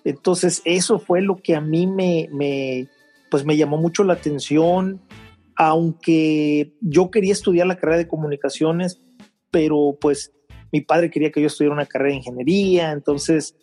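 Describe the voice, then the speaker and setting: A middle-aged man, talking through his life story as an interview guest. His voice sits a little high but sounds warm and slightly husky, with soft music faintly underneath. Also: steady tone. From Mexico (Veracruz). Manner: unhurried, many restarts and fillers. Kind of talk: conversational interview.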